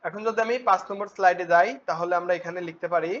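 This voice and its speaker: A man teaching a spreadsheet class, often asking students quick check questions. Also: high-pitched, steady tone, fairly bright tone. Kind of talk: spreadsheet tutorial. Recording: dull lo-fi recording with faint noise.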